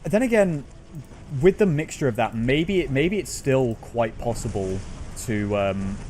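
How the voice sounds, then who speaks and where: A man's voice: medium pitch, lively intonation, a little slow, a little mellow, slight background noise. A man chatting casually as he streams a game, giving opinions and swearing freely. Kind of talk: casual live gaming commentary.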